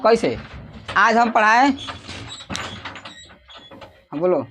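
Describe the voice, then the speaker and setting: A man with a Bihari Hindi accent teaching a class, calling out questions for the students to answer together and sometimes raising his voice almost to a shout. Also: high voice, lively intonation, extremely slow, a little hiss or hum. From Bihar, India. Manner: raises his voice to a near shout at times. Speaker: coaching teacher.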